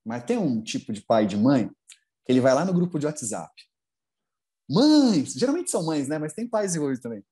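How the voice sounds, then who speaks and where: Man, psychologist, quick and lively with a mellow tone, mimics parents for laughs. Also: medium pitch. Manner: humorous, acts out parents' voices.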